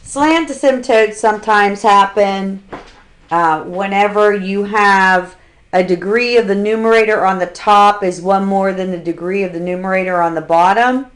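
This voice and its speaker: A woman math instructor with a mid-range voice gives a recorded calculus lecture at a moderate pace. She explains step by step, dropping in an occasional dry, sarcastic aside.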